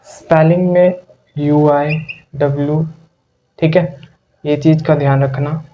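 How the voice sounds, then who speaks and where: Male language tutor, measured and flat, slightly raised pitch, dull lo-fi recording. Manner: slow, drawn-out teaching with sounds repeated and checking questions. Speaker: English pronunciation teacher. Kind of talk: spoken video lesson.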